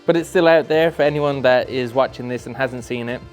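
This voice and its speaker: A man's voice: medium pitch, a little fast, soft background music. A man answering questions on camera in a casual, joking way, laughing easily.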